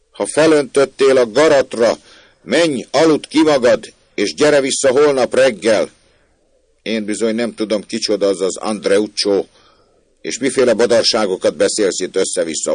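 A man voicing a young servant woman who scolds and mocks from a window in a husky voice. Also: medium pitch, a little mellow, no echo, voice pushed up, natural voice. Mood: scornful. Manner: mocking, dismissive scolding. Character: servant girl, young woman, scornful and sharp-tongued.

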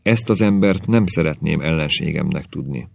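A man's voice: rumbling low, animated, creaky, darkish tone, no room sound, heavily acted. A man voicing a tense, solemn male clairvoyant who halts and searches for words in a storybook reading. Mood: uneasy.

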